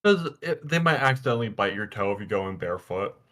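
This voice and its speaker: A man's voice: fairly low pitch, animated, fast, fairly bright tone. Young man chatting about insects, swearing casually. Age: young adult. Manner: enthusiastic, swears casually, rambling. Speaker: podcast co-host. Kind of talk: casual chat.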